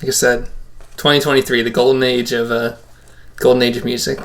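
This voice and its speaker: Dude cohosting a music podcast, wry jokey banter, middle pitch. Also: male voice, little pitch movement, brisk. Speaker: podcast co-host. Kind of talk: casual chat.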